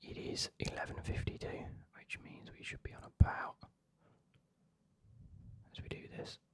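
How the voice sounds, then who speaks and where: A man's voice: a little slow, a little mellow, dry recording. A man whispering an ASMR unboxing as host, in a chatty, enthusiastic, informal manner.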